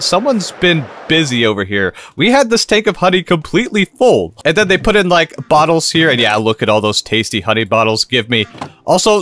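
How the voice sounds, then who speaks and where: Animated, upbeat man gaming commentary. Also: sits high. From Kentucky. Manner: upbeat and jokey, laughing often. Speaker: gaming YouTuber. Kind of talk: gameplay commentary.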